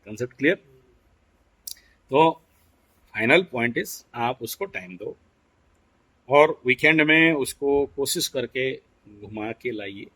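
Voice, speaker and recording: A man's voice: mid-range voice, lively intonation, takes it slowly, long pauses, sharp tone, breathy edge. A man teaching astrology in an explanatory lecture. He mixes in English phrases and keeps asking his listeners rhetorical questions.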